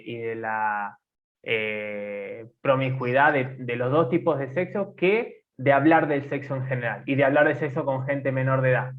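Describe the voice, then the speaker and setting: Young Argentine man, tinny phone-like sound. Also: mid-range voice. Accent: Argentine Spanish. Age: 20s. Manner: halting, many fillers and restarts. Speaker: podcast co-host. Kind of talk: casual conversation.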